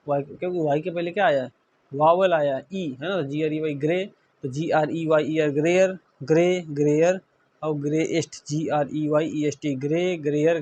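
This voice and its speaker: A man's voice: fairly high pitch, darkish tone. A man from India teaching English grammar in a classroom-style lecture, spelling words letter by letter and often checking that students follow.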